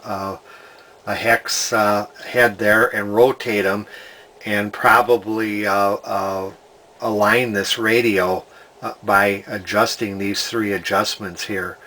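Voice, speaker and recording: A hobbyist radio restorer presents a repair video in a lowish, bright, forceful voice. His commentary is casual and hands-on, and he thinks aloud hesitantly as he works.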